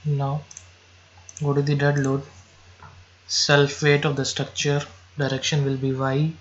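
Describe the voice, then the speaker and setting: A man giving slow, step-by-step software instructions over a screen recording, now and then correcting himself. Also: mid-range voice, monotone, lo-fi sound.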